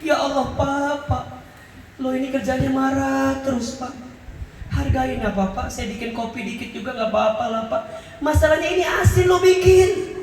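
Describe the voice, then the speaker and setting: A man's voice: extremely high pitch, normal speed, slight background noise. A man voicing an exasperated wife who scolds her husband and rattles off complaints, in an echoey hall. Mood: complaining. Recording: echoey hall, mic far off.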